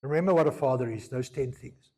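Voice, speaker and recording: A man's voice: mid-range voice, fairly quick, darkish tone. A man preaching a sermon as pastor, earnest, moving between Afrikaans and English and repeating phrases for emphasis.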